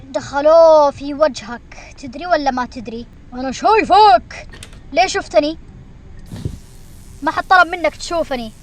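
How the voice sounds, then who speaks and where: A woman streamer giving excited commentary while she plays a game, shrieking when she is chased. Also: sits high, moderate pace. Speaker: gaming streamer.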